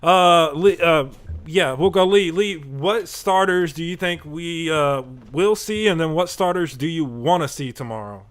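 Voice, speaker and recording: Excitable man hosting a sports podcast. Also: a little high, unhurried. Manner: animated, laughs often, gets fired up. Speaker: podcast host. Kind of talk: casual sports chat.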